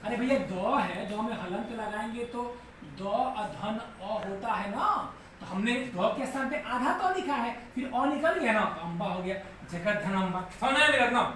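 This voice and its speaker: In a live online grammar class, a man with a high, expressive, sharp voice speaks at normal speed. He patiently repeats each step and often checks that students are following. The room is very echoey, he sits far from the mic, and there is faint background noise.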